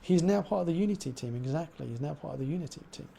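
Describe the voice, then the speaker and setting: A man's voice: fairly high pitch, animated, racing, creaky, dark tone, a little hiss or hum. A man hosting a livestream in casual chat, pronouncing his R's like W's. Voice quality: cannot pronounce R's, says w for r. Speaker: livestream host.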